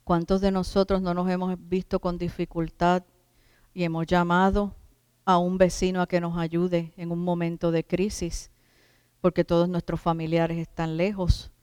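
A woman's voice: on the low side, darkish tone, clear, resonant tone, dry recording, studio quality, big-room sound. A woman preacher giving an emphatic sermon, stretching out key words and addressing the congregation as brothers.

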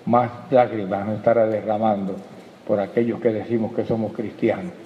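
Impassioned preacher in an echoey hall. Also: male voice, on the low side, flat delivery, moderate pace, a little hiss or hum. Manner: impassioned preaching, rising to loud peaks; addresses listeners as brother. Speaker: pastor. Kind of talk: sermon. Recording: echoey hall, dull lo-fi sound.

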